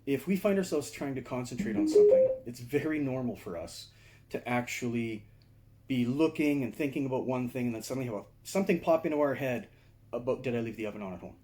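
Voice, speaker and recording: A man's voice: mid-range voice, lively intonation, a little fast, background noise. A man giving a casual seated video lecture on meditation and martial arts indoors, talking conversationally and checking in with "right?" and "okay?".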